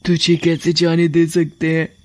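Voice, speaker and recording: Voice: mid-range voice, completely flat delivery, measured pace, natural voice. A fierce queen of the witches from a cartoon storybook , voiced by a narrator. She cackles and scolds in a commanding way. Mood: scolding.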